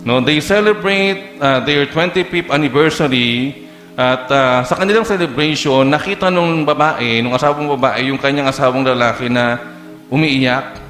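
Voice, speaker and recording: A man with a Filipino accent preaching a conversational sermon, pausing on fillers and putting questions to the congregation. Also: mid-range voice, fairly bright tone, faint music behind. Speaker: pastor. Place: church hall. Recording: echoey church hall.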